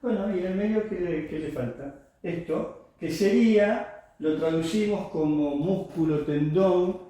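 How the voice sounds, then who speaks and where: A middle-aged man lectures a class in a mellow, warm voice that sits a bit high for a man. He explains patiently and keeps checking in with his listeners. His voice comes from away from the mic, in a very echoey hall. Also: unhurried, far from the mic. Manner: explains patiently, with many tag questions to the class. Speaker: qigong teacher.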